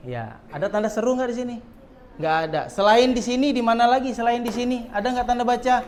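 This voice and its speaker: A teacher gives a classroom lesson to children, often pausing to quiz the pupils and adding a questioning "ya." The voice is medium-pitched and darkish, and the teacher talks fast.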